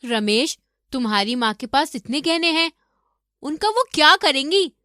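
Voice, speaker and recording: A woman's voice: high voice, lively intonation, unhurried, pushed and bright, no room sound, clean studio sound, full character voice. A woman voicing a greedy young wife in a cartoon story, demanding and wheedling.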